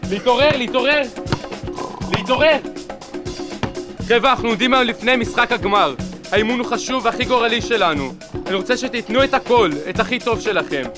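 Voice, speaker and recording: A man's voice: extremely high pitch, animated, long pauses, music in the background. An actor playing a bossy basketball coach who barks impatient orders at his team. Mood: commanding.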